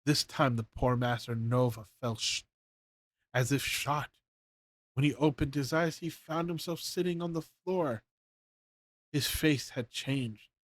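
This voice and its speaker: Reading a bedtime story casually to his stream chat, this man has a mid-range voice and goes a little slowly, pausing often. He stumbles frequently and keeps going back to reread and fix what he said.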